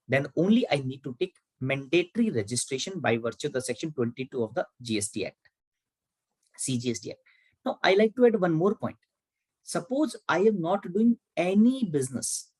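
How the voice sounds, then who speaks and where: Lively Indian-accented man teaching tax. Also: on the high side, breathy edge, no room sound, poor audio. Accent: Indian English. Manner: asks and answers own questions, repeats key points. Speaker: tax educator. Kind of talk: online tax lecture.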